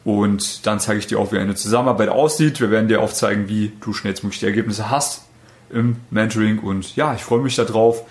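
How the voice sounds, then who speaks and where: A man's voice: fairly low pitch, fairly even intonation, a little fast. Casual German-speaking dating coach man. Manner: loose, rambling storytelling with fillers and self-corrections. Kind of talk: casual podcast chat.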